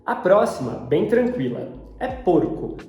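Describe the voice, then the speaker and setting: A man with a Brazilian Portuguese accent teaching English pronunciation, repeating each word slowly and carefully. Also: sits high, sing-song, a little mellow, soft background music. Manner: repeats English words slowly and deliberately, often several times. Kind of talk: pronunciation lesson. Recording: very echoey room.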